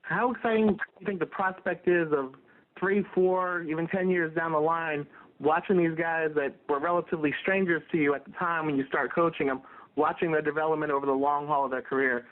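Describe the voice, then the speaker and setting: A man's voice: fairly high pitch, steady tone, brisk. A man working as a reporter, putting a prepared question on a telephone press conference. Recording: tinny phone line conference call.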